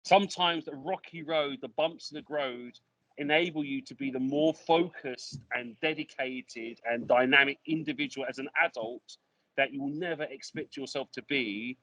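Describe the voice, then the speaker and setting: Bright, upbeat male host on a video call. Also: medium pitch, normal speed, no room sound, low-quality recording. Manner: repetitive, emphatic, motivational. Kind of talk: encouraging panel hosting. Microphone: video call mic.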